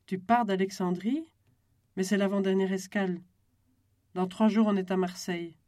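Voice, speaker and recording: Reader doing Marie, a lively woman friend. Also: mid-range voice, moderate pace, dry recording, clean studio sound, lightly acted. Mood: surprised. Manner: casual, affectionate and surprised.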